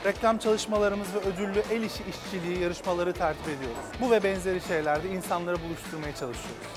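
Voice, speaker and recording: A man's voice: high-pitched, quick pace, over music. A young man in a suit giving a formal, fluent testimonial at a trade fair booth. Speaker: company representative.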